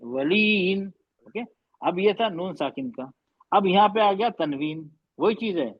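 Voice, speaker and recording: A man teaching a recitation class, patiently explaining and slowly drawing out and repeating recited words. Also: high-pitched, lo-fi sound.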